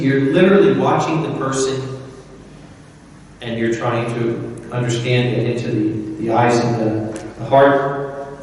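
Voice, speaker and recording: A man's voice: medium pitch, a little mellow, slight background noise. A man preaching a sermon in a conversational, folksy way, often repeating his points. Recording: echoey hall from far off.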